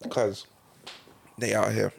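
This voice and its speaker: A man's voice: on the low side, level tone, slow pace, creaky, slight background noise. A young man with a London roadman accent, chatting casually in heavy street slang and repeating himself for emphasis.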